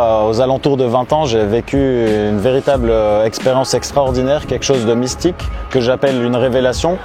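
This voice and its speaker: A man in his thirties speaks at a mid pitch in an earnest, reflective founder's pitch, often pausing on hesitant fillers. Music plays under his voice. Outdoors above a city, distant traffic can be heard. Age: 30s. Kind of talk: promotional personal narration.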